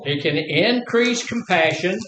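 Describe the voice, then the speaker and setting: A man's voice: animated, a little slow, a bit bright. Older Mississippi Southern man, echoey room. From Mississippi, United States. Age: 70s. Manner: folksy, repeats phrases, asks rhetorical questions. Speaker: group leader giving a spirituality talk. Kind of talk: informal teaching talk to a group. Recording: echoey room, faint background noise and rumble.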